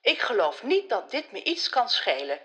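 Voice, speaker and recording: A woman's voice: a little high, very animated, normal speed, a bit bright, dull audio, voice pushed up. A woman voicing a prim, dismissive second voice that interrupts a told story. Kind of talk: storytelling aside.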